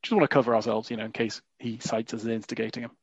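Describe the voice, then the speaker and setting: Man, podcast host, casual and jokey, mid pitch, dull dry lo-fi sound. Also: steady tone, racing, husky, no echo. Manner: chatty, jokey, frequent "you know" fillers.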